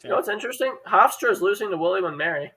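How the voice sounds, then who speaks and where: Co-hosting a casual sports commentary stream, a man with a Chicago accent calls quick play-by-play and teases his partner. His voice is high, animated, gravelly and sharp, and the recording is rough.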